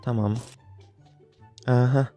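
Young gaming creator, irritable running commentary, mid-pitched, faint music under. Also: male voice, fairly even intonation, slow pace. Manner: exasperated, grumbling, venting at the game. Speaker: gaming YouTuber. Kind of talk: frustrated live game commentary.

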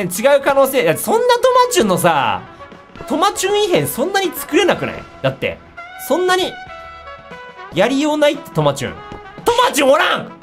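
A woman giving excitable commentary on a horror game, easily startled, often exclaiming and repeating her words. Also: medium pitch. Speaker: game streamer. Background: music.

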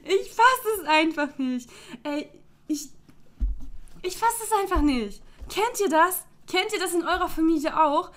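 A woman's voice: very high-pitched, lively intonation, unhurried, a bit bright. A young woman in her twenties venting to her viewers in a casual, heated vlog rant. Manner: heated, exasperated ranting; talks directly to viewers. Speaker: YouTuber.

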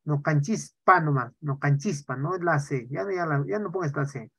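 A man teaching a live online Quechua class. He talks in an animated way and keeps checking in with "¿ya?" and "¿no?". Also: on the high side, normal speed, breathy edge, no room sound. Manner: animated, tags sentences with "¿ya?" and "¿no?". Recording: dull lo-fi online class audio.

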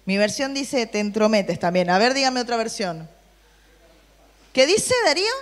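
Preaching to a youth group in a large hall, a woman with a somewhat high voice speaks at a normal pace. Her delivery is lively, mixing Bible verses and versions read aloud with questions for the listeners.

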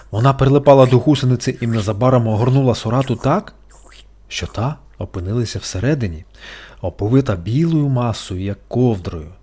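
A storyteller reading a bedtime fairy tale aloud in an expressive, sing-song manner. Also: medium pitch, slightly rough.

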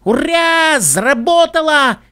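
A man's voice: medium pitch, big pitch swings, measured pace, pitched below the performer's own voice. A man voicing a bold, impatient young pegasus filly in an audiobook, eager and brash. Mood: joyful.

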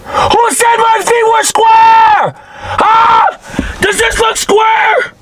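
A man's voice: very high-pitched, little pitch movement, drawn-out words, shouting, crowd noise. A young man screaming comedic replies in mock outrage, indignantly repeating questions, recorded on a phone inside a car. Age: young adult. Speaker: comedic social media creator. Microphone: phone at arm's length. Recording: distorted, noisy phone recording.

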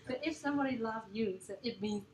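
Woman presenter, Burmese accent, informal and giggly, slightly high voice, far-off echoey recording. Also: fast talker. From Myanmar. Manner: laughs often between phrases, chatty and informal. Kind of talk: casual classroom presentation. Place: indoor room with an audience. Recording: echoey room, far from the mic, noisy.

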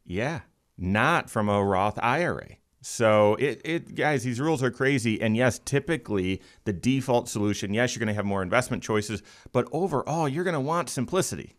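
A man's voice: mid-range voice, lively intonation, normal speed. A man hosting a casual financial talk show in a studio, chatty and upbeat, lifting his energy at segment ends. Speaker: host. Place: radio studio.

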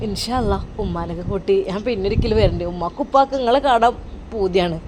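A woman voicing a polite, subdued young man, speaking quietly and hesitantly. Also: medium pitch, fast talker, noisy background, voice pushed down, lightly acted.

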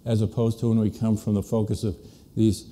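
A physician giving a conversational, anecdotal talk to a conference audience, with an American accent, dropping into quiet asides. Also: male voice, fairly low pitch, little pitch movement, a little fast. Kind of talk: storytelling speech to an audience. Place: conference meeting hall.

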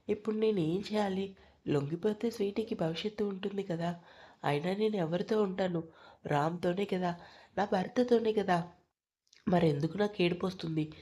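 Storybook figure: an emotional young wife with an anxious, pleading manner and a warm, husky voice, read by a woman. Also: mid-range voice.

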